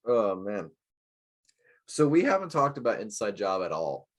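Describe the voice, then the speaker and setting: A young man co-hosting a casual podcast, chatting in a rambling, self-mocking way and quick to joke. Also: fairly low pitch, big pitch swings. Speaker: podcast co-host. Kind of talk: casual chat.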